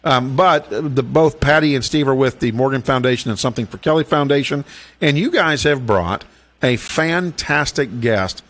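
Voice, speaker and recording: A man's voice: medium pitch, moderate pace, fairly bright tone. A man hosting a morning talk radio show, playful and upbeat in his announcing. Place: radio studio. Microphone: studio broadcast mic. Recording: radio broadcast with music underneath.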